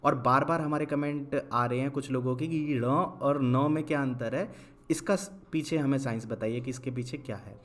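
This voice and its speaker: A young man teaching a lesson, spelling words out slowly syllable by syllable and answering his own questions. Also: medium pitch. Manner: asks questions and answers them himself, drawn-out syllable-by-syllable spelling. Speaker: Hindi teacher. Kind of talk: classroom-style lesson.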